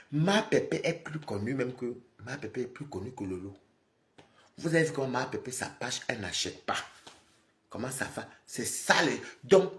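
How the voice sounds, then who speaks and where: Animated man ranting on a live stream. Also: medium pitch, echoey room. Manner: scolding, animated, repeats himself, talks straight to viewers. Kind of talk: live-stream rant to viewers.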